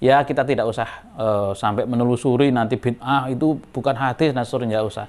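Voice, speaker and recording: A man's voice: mid-range voice, a little mellow. A man teaching a Quran recitation melody, explaining the steps and showing them. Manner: explains a melody and then chants the verses slowly. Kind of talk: recitation lesson.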